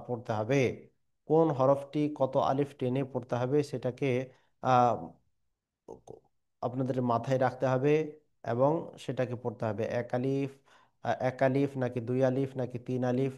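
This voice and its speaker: A man teaching a Quran reading lesson, drilling syllables slowly with pauses and fillers. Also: medium pitch, a little mellow. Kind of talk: recitation lesson.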